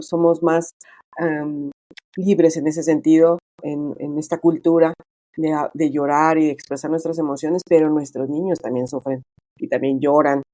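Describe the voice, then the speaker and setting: A middle-aged woman speaking as an author being interviewed, in a chatty, casual manner with many fillers and lively quoted dialogue. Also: low-pitched, no room sound.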